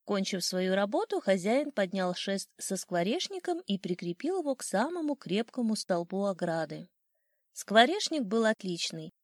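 A woman narrating a classic children's story in an expressive, lilting reading. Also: mid-range voice, no echo, clean studio sound.

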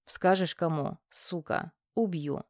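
A woman reading the part of a rough, threatening unshaven man in a hoarse, menacing tone. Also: lowish voice, steady tone, slow, dry recording, clean studio sound.

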